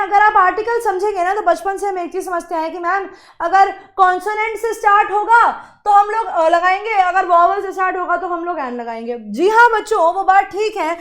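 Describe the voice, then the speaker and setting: High-voiced woman teaching a class. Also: a bit bright. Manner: explains step by step, asks the class questions and answers them herself. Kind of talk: classroom lesson.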